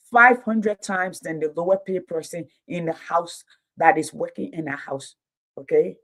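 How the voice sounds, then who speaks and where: A woman in her fifties hosting a casual livestream, talking emphatically and repeating phrases for effect. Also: on the low side. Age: 50s. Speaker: livestream host. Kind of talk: casual livestream talk and commentary.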